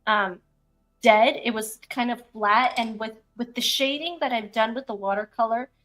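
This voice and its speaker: Woman artist-host, slightly high pitch, casual and stop-start show-and-tell, recorded at a distance from the mic. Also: moderate pace, fairly bright tone, soft background music. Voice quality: distant-sounding, away from the mic. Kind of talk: casual chat while showing artwork. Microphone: speaker sitting far from the microphone. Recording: distant from the microphone.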